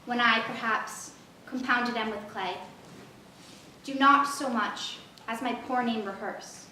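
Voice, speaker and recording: A woman recites a sonnet in a measured, dramatic way. Her voice is fairly high and crisp-edged, heard from a distance in a strongly echoing hall. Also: bright, forceful tone. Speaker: recitation contestant. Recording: echoey hall, distant mic, faint noise.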